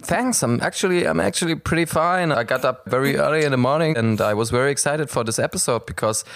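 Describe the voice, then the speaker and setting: A man's voice: mid-range voice, quick pace, fairly bright tone, no echo. Brief: German-accented male host, laughs a lot, teasing, dry close sound. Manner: giggly, teasing, slips into slang. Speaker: podcast host. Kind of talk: casual chat.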